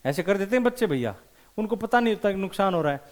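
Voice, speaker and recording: A man teaching English vocabulary for competitive exams, animated and repeating key words slowly for emphasis. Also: high voice. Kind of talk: vocabulary lesson with memory tricks.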